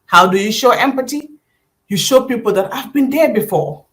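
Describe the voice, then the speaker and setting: A woman's voice: a little high, expressive, normal speed, a bit bright. A woman business coach teaching a live online class, talking conversationally, addressing listeners directly and giving step-by-step instructions.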